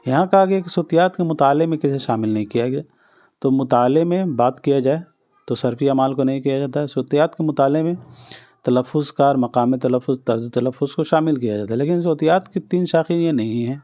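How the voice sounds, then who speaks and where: Mellow-voiced male teacher drilling exam answers. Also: medium pitch. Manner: patient, repeats each answer, addresses listeners directly. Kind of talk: exam-prep lesson.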